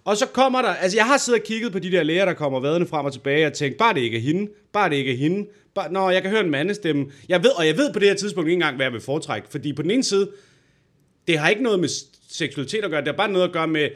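A man co-hosting a podcast, casually telling a personal story and acting out the people in it. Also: high-pitched. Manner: animated storyteller, acts out quoted voices. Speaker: podcast co-host.

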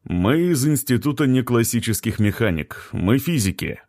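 A man voicing a soft-spoken, courteous male physicist. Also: mid-range voice, animated, normal speed, dry recording, studio quality, close to an everyday voice. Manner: gentle, courteous.

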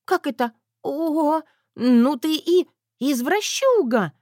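A woman voicing a frightened, whiny and quick-tempered young wife in an audiobook, with high tearful complaints. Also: animated, darkish tone, no room sound, studio quality. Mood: indignant. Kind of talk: audiobook character voice.

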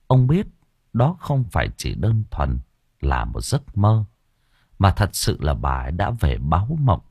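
Expressive husky male story narrator. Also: deep voice, unhurried, dry recording, clean studio sound. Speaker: audiobook narrator.

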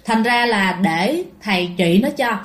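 A woman's voice: medium pitch, expressive, a little slow, lightly acted. A woman doing a stern, threatening exorcist. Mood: explaining. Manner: threatening, commanding. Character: stern male exorcist monk. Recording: echoey room.

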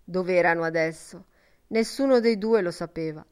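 A woman narrating a literary novel as an audiobook, measured and expressive. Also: fairly low pitch, clean tone.

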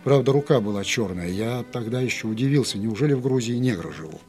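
A man's voice: medium pitch, animated, quick pace, a little mellow, faint music behind, close to an everyday voice. A man doing a plaintive, guileless Greek fellow. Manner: plaintive, hasty.

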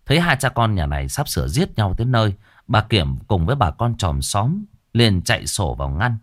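A man narrating a ghost story in a dramatic, lively way. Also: fairly low pitch, fairly quick, no echo, clean studio sound.

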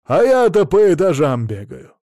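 Man voicing a shouting red-faced millionaire. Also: high voice, big pitch swings, normal speed, no room sound, clean studio sound, pitched above the performer's own voice. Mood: excited. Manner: shouting, blustering. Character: drunk red-faced bullying male millionaire. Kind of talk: audiobook character voice.

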